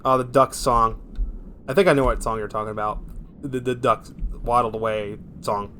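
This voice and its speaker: A man's voice: medium pitch, steady tone, normal speed, bright, forceful tone, slight background noise. A man streaming a video game, talking casually and in a rambling way to his viewers. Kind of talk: casual live gaming stream chat.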